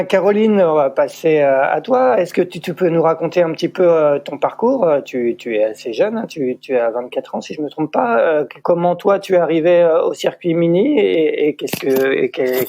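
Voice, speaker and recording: A male podcast host puts questions to his guests, stumbling and repeating words as he frames them. His voice is mellow and a little higher than most men's. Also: expressive, creaky. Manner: halting, repeats words while asking. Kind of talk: interview questions.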